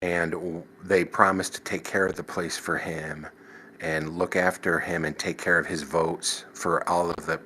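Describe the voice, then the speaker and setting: On poor audio, a podcast guest with a low-sitting voice, flat delivery, measured pace, sharp tone, and breathy edge rambles casually about his paranormal experiences. He often restarts sentences, says "you know" frequently, and chuckles now and then.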